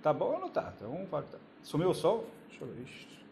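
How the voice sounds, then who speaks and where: A man's voice: on the high side, huge pitch swings, fast, creaky. Guy talking into his phone on a live stream, roomy sound, faint aircon hum. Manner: greets viewers, checks sound, varies loudness by distance. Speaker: doctor hosting a live stream. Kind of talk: casual live-stream chat. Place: room with air conditioning. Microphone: phone camera. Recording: roomy phone recording with faint room noise. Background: air conditioner hum.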